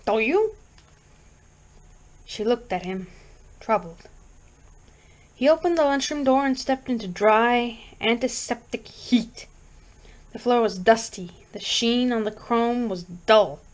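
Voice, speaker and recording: A woman reads a horror short story aloud, calm and measured. Her voice sits high and she keeps an even, steady reading pace. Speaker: reader.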